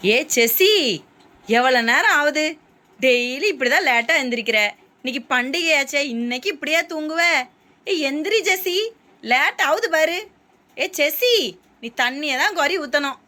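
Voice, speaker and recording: A woman playing a mother who briskly nags her daughter to get up. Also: high-pitched, expressive, sharp tone. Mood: nagging. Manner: nagging, brisk. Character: scolding mother waking her late daughter. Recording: music underneath.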